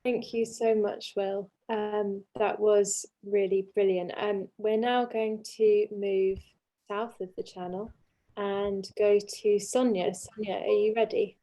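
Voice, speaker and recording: A woman hosts an online talk, her voice mellow and unhurried. She moves gently from one speaker to the next. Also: medium pitch, little pitch movement, rough recording. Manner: slow, gentle handover between speakers. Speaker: host. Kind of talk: webinar moderation.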